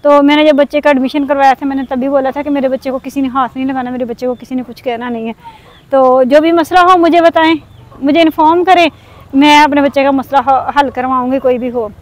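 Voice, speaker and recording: A woman in her thirties from Pakistan speaks straight to her viewers in a high voice. She sounds aggrieved and earnest, like a mother venting to her audience. She is recorded outdoors in a village setting, with animal sounds behind her. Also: steady tone, brisk. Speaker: vlogger. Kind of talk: casual vlog talk.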